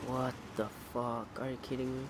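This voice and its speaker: A man's voice: medium pitch, flat delivery, moderate pace. A man playing a video game and talking casually, getting frustrated and swearing a lot. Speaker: gamer. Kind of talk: casual gameplay commentary. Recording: noisy, game sound behind.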